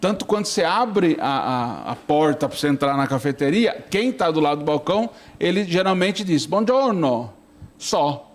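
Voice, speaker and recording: Middle-aged priest guy chatting on a tv talk show, bit high voice, keeps going "right?". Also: moderate pace, hardly any pauses. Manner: chatty, keeps asking "não é?". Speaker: priest, studio guest. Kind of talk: casual talk-show conversation.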